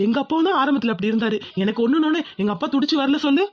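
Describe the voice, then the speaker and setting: A woman voicing a fast-talking young village groom. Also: sits high, muffled recording, close to an everyday voice. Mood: reassuring. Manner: soothing, firm, insistent. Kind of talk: cartoon voice acting.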